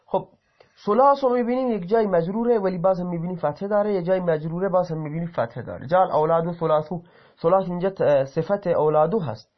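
Male grammar teacher, dull lo-fi sound. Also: sits high. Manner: reads Arabic examples aloud then explains them, with frequent self-corrections. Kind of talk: Arabic grammar lesson explained in Persian. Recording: dull lo-fi recording.

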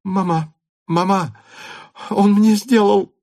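An excitable teenage girl in an audiobook, high-pitched and insistent, voiced by a male reader. Her lines come out breathless and eager. The recording is dry and close. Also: moderate pace, breathy edge, no echo. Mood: excited.

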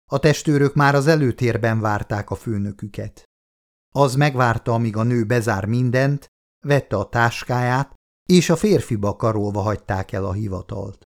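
A man from Hungary reading an audiobook in calm, steady scripted narration. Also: mid-range voice.

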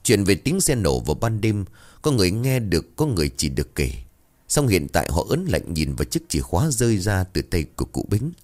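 A man's voice: deep voice, big pitch swings, brisk, darkish tone. A man narrating a ghost story in a dramatic, suspenseful way.

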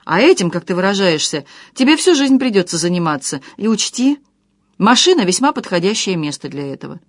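A woman reading the part of a pushy, impatient young man who talks to his fiancée in an insistent, hurried way. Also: medium pitch, sing-song, dry recording, studio quality.

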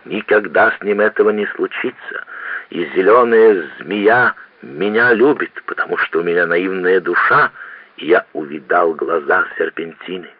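A man's voice: low voice, moderate pace, slightly rough, no room sound, narrow, tinny audio. A man doing a dreamy young student. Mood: rapturous.

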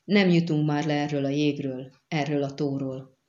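A quiet grim man, as a woman narrator reads him. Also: sits low, fairly even intonation, dull audio, natural voice. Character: grim, weary male bounty hunter.

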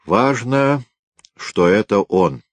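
A man reading aloud voices a seasoned senior detective who talks in a musing, unhurried way. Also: fairly low pitch, lively intonation, no room sound, pitched above the performer's own voice.

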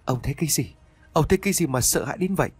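A male storyteller voicing a frightened but stubborn middle-aged woman who talks fast and snaps back. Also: fairly high pitch, breathy edge, no echo, pitched above the performer's own voice. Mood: panicked. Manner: panicky, fast and defiant.

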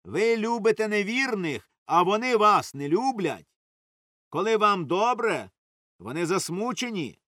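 A man's voice: high voice, sing-song, a little slow, pushed and bright, no echo, clean studio sound, voice pushed up, full character voice. A man putting on a fiery male preacher. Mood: impassioned. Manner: impassioned, declaiming.

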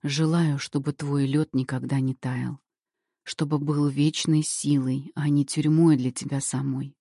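A woman voicing a weary but steadfast fire-born immortal man who speaks slow, hushed, solemn vows. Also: a little high, little pitch movement, breathy edge, no room sound, clean studio sound. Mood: solemn tender.

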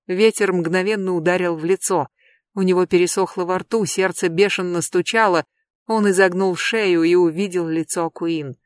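An audiobook narrator reading a tense thriller in a steady, even way. The voice sits at a middle pitch, and the recording is dry and close with no room sound. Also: no echo.

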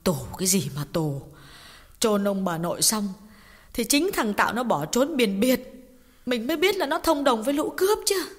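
A woman's voice: a little high, sing-song, normal speed. A woman voicing a sorrowful middle-aged mother recounting a family tragedy in an audio story. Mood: bitter. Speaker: audiobook voice actor. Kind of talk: audiobook drama reading. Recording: long reverb with faint music.

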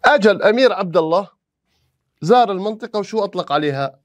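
A man teaching a history exam review, animated and playful, firing rhetorical questions at students. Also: high voice, quick pace.

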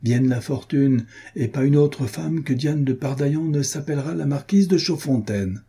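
A man voicing a proud, jesting young impoverished marquis in a classic novel reading, with a lively, declamatory manner. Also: on the high side, normal speed, breathy edge, pitched above the performer's own voice. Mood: passionate.

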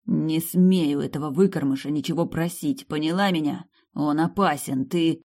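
A woman reading the lines of a stubborn, brooding young nobleman who answers in short hushed retorts. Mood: curt, hushed. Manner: low hushed retorts, slow and clipped. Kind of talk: audiobook character reading.

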